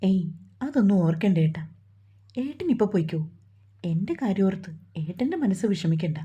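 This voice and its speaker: A woman voicing a gentle, orphaned young woman who speaks softly and sorrowfully in a romantic storybook. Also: medium pitch, lively intonation, fairly quick, slightly rough, muffled recording. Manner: soft, sorrowful.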